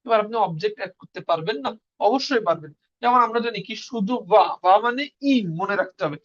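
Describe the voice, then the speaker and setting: A man with a fairly high voice leads an online class, explaining step by step. He poses questions to the class and then answers them himself. The audio is dull and lo-fi. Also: fairly quick. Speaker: Russian language teacher.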